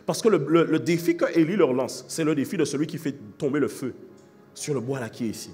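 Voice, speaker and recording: A man preaching a sermon as pastor, fervent, shifting from shouted calls to fast, quiet explaining. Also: fairly high pitch, long reverb tail, faint music behind. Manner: fervent preaching, swings between shouting and rapid quiet talk.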